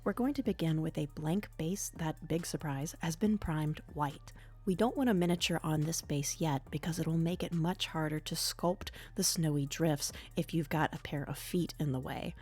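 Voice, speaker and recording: Tutorial host: low-voiced woman, hoarse from a cold, speaking softly and calmly. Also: normal speed, faint music behind. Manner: soft, low-volume delivery. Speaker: miniature painting tutorial host. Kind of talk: hobby tutorial voice-over.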